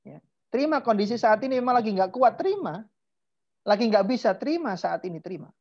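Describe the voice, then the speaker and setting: A man's voice: high-pitched, lively intonation. Emphatic man giving a motivational talk. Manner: emphatic, swings between loud exclamations and soft, slow asides. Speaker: motivational speaker and hypnotherapist. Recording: dull lo-fi recording.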